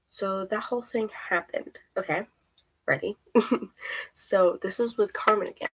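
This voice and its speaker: Casual female vlogger, monotone delivery, rambly and self-interrupting. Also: fairly low pitch, poor audio. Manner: rambling, self-interrupting, laughs at own stumbles. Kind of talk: casual storytime, reading texts aloud.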